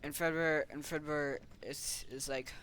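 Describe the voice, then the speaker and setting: A man's voice: a little high, steady tone, unhurried, a bit bright, soft background music. A man telling a story in a casual, rambling way, full of slang and fillers.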